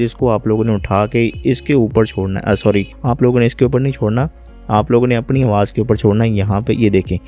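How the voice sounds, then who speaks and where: A man narrates a screen-recorded software lesson from his computer. His voice sits low and dark, with little rise and fall, and he moves calmly from step to step. Soft music plays faintly beneath him. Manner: calm, step-by-step, often says "friends". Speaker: software tutorial host.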